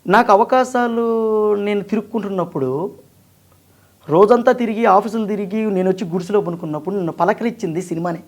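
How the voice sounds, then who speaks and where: A man from Andhra Pradesh, a mimicry artist and actor, talking earnestly and emphatically as an interview guest. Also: high-pitched. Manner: earnest, emphatic, sings in a slow drawn-out voice. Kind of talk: interview conversation.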